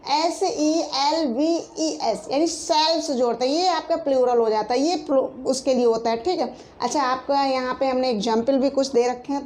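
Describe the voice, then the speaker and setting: High-voiced woman teaching grammar. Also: a little mellow. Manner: explains slowly, repeats with frequent fillers and self-corrections. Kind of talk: grammar lesson.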